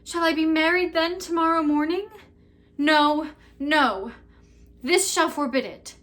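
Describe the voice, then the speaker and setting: A woman's voice: high voice, unhurried. Juliet, as an actress plays her, fearful and dramatic. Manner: fearful, dramatic, swings from hush to cries. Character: young Juliet, terrified before the potion. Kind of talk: Shakespeare monologue performance.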